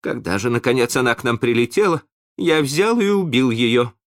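A man voicing a timid, guilt-ridden lost boy in a storybook, with a soft, earnest boyish voice. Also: mid-range voice, expressive, moderate pace, pitched above the performer's own voice, close to an everyday voice. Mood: sad, earnest.

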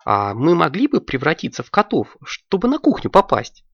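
A storyteller voicing an excitable, impatient young girl wizard who gushes and hurries everyone along. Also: normal speed, husky, dry recording, highs cut off, heavily acted. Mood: eager. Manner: shrill, gushing, always hurrying others.

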